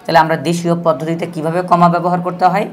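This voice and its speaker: A woman's voice: lowish voice, level tone, very fast. A woman from Bangladesh giving a math lesson, explaining patiently and step by step and repeating each rule. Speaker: math teacher.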